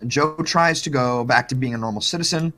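Bright-voiced man telling a true-crime story. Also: medium pitch, a little fast. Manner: joking, profane, lots of fillers. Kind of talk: casual podcast storytelling.

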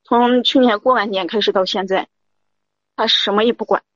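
A woman's voice: medium pitch, steady tone, normal speed, fairly bright tone, dry recording, highs cut off. A woman calling in to tell her story in a rambling, confiding way, repeating "I said" again and again. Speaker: caller. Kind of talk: confiding call-in account.

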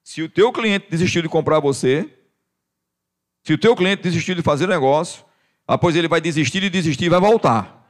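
Brazilian pastor man preaching, fairly high voice. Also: moderate pace. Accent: Brazilian Portuguese. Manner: addresses the congregation as "querido" constantly, swings from quiet to loud. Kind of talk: sermon.

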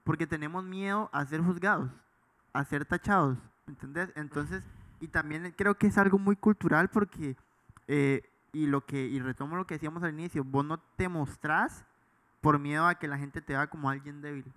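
A man whose voice sits a little high. He speaks in a reflective, conversational way during a casual faith chat, often turning to his listeners to ask if they follow. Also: normal speed, fairly bright tone. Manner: reflective, conversational, asks "¿me entendés?".

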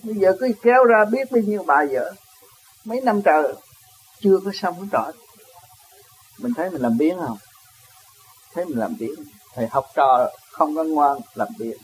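A spiritual teacher with a Southern Vietnamese accent gives a dharma talk, answering a question, chuckling often and putting rhetorical questions to his listeners. His voice is a little high and expressive with a breathy edge, at normal speed with long pauses, and the recording is rough.

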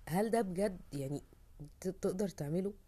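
Low mellow Egyptian woman podcaster. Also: a little fast, slightly rough. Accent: Egyptian Arabic. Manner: conversational, thinks aloud, acts out inner voices. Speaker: podcast host. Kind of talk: casual reflective monologue.

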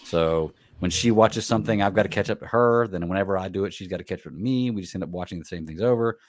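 Podcast host: man, low voice, dry close sound, easygoing banter. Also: quick pace, no room sound. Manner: chatty, laughing banter with co-hosts. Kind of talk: casual podcast chat.

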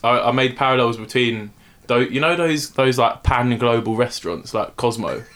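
A man's voice: mid-range voice, normal speed, a bit bright. Rambling young man chatting. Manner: rambling, lots of fillers and restarts. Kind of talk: casual chat.

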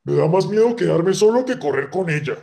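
A man's voice: high voice, expressive, a little fast, gravelly, mellow. A man voicing a big male dragon who is timid and talks nervously. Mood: fearful. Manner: nervous, worried.

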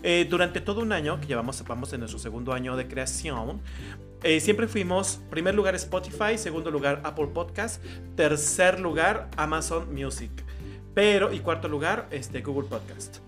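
A man with a Mexican accent co-hosting a podcast in casual chat, playful and quick to burst into shouts and sung snippets. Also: a little high, soft background music. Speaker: podcast co-host.

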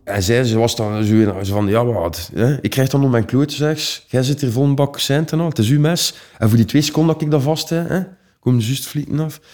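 Rambling Flemish man, mellow voice. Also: mid-range voice, brisk. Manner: rambling, streetwise, with many fillers. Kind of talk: casual personal storytelling.

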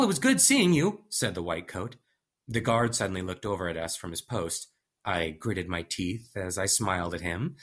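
A man narrating a first-person audiobook in a measured, steady storytelling manner. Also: fairly low pitch.

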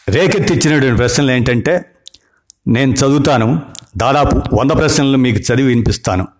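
Steady Telugu-speaking man reading questions. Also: medium pitch. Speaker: speaker reading aloud a list of questions from a book. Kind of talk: talk reading out a list.

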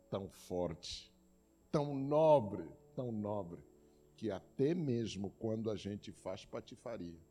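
A man's voice: sits low, a little mellow. A man with a Brazilian Portuguese accent preaching a sermon as pastor, emphatic and repeating words for effect while telling stories.

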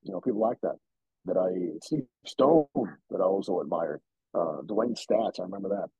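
A former player from the Dominican Republic who became a broadcaster tells stories earnestly in a conversational interview, animatedly acting out quotes in other people's voices. His voice is low, gravelly and a little rough, at a moderate pace. The recording is dry and rough.

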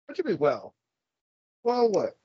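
This podcast co-host, a Californian with a stuffy nose, rambles, swears, and laughs often during casual chat. His high voice swoops wildly in pitch at normal speed with a breathy edge, with no echo and the highs cut off.

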